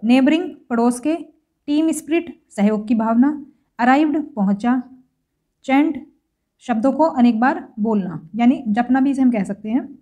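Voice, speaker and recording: Indian woman teacher, high mellow voice, patient step-by-step grammar lesson. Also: unhurried, muffled recording. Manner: steady, methodical, walks through examples one by one. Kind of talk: explaining English grammar in Hindi.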